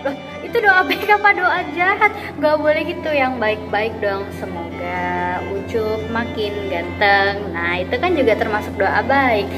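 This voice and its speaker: A woman's voice: medium pitch, a little slow, few pauses, over music. A woman telling an educational children's puppet story as the teacher, explaining things simply with repeated questions.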